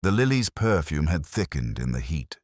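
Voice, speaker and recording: In a clean studio recording with no room sound, a man voices a weary, melancholy English police inspector narrating his own case in scripted first person. His voice is extremely low and husky yet swings lively in pitch, exaggerated in character. He speaks in a measured, literary, brooding way, like a radio detective drama, with a watchful mood.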